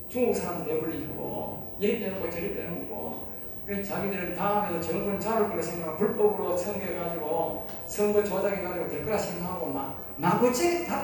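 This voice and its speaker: A male pastor delivers an insistent sermon, repeating his phrases and firing rhetorical questions at the room. His voice sits high for a man. He is heard from off the mic, with long echo filling the church hall. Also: darkish tone, slight background noise. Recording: echoey hall, voice heard from far off.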